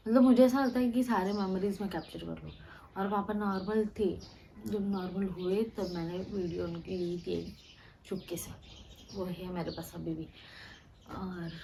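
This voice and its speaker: A young woman vlogger telling a personal story to camera, halting and restarting, with many fillers and English words mixed in. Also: mid-range voice, dark tone, slight background noise, low-quality recording. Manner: mixes English words into Hindi.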